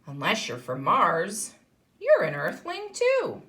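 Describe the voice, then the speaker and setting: Reading a picture book to young children, this woman teaches kindergarten and stops to explain and quiz them along the way. She speaks slowly in a medium-pitched, fairly bright voice with huge swings in pitch.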